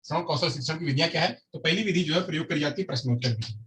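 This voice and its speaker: A man's voice: fairly high pitch, rapid-fire, a bit bright. A man teaching a lecture class who keeps repeating key terms and asks and answers his own questions. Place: classroom with a board.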